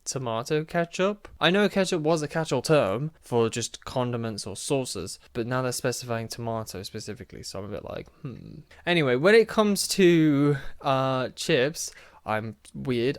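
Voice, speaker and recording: A man's voice: medium pitch, smooth. A young man, casually chatting on his own through a quiz, self-mocking and often laughing. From United Kingdom. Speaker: podcast host. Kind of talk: casual solo chat answering a quiz.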